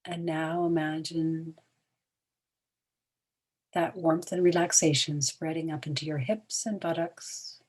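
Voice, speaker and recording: This meditation guide is a woman who leads a guided relaxation in a hushed, soothing way. Short phrases are set apart by long pauses, and her breathy, low-pitched voice trails toward a whisper with a steady tone.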